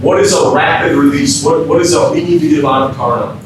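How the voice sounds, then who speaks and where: Talking fast, a keynote speaker from Minnesota, an emergency physician, runs a loose, interactive training session for firefighters, regularly testing the audience with questions. Heavy echo, rumbling noise, and a far-off microphone mark the recording.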